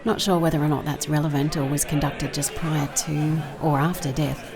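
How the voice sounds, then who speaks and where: Over crowd noise, a woman leads an audio drama as a dry, methodical, wry private investigator, musing and jotting clipped case notes in a first-person log. She speaks at normal speed in a low voice with flat delivery.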